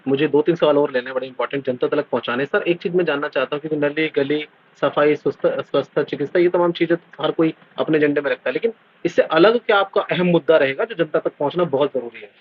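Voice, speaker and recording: Fast-talking male reporter, higher voice. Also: lo-fi sound. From Delhi. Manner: quick, pressing questioner with many hmm acknowledgements. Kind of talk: interview questions.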